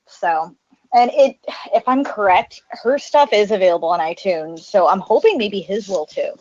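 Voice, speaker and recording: A woman's voice: medium pitch, lively intonation, normal speed, darkish tone, dry recording. A woman with a mid-range voice chats as an eager music fan on a podcast. She hesitates and fills her sentences with "like" and "you know." The recording sounds dull and lo-fi. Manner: chatty fan, hesitant with fillers. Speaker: podcast co-host. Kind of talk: casual music podcast chat.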